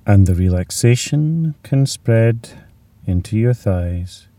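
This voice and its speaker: Calm low-ish guy talking slow and soothing, dry recording, drifts into whispers. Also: no echo, distant mic. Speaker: relaxation guide. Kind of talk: guided relaxation script.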